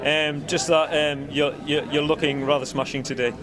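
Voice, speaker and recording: A band musician with a Cumbrian accent gives a casual, rambling interview, often saying "you know." His voice is on the high side, flat and moderately paced, with busy crowd chatter from a live event around him.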